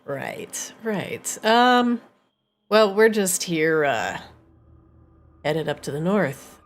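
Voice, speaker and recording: A woman voicing a shady male highwayman in a tabletop game, hesitant and drawn-out, wheedling with false casualness. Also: animated, exaggerated voice. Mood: falsely casual, pushy. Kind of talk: tabletop game role-play.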